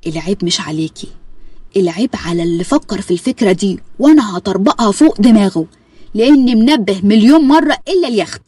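A woman's voice: medium pitch, lively intonation, fast, warm tone, husky, dry recording. A woman voicing a stern, blunt Egyptian man. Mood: angry. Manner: blunt, scolding. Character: stern grown man, protective son, quick-tempered.

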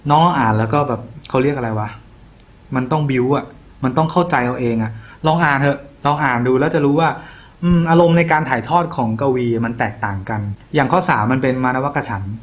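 A young man tutoring for an exam in a casual, slangy way, talking to students like an older brother. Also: medium pitch. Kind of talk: casual exam-prep lesson.

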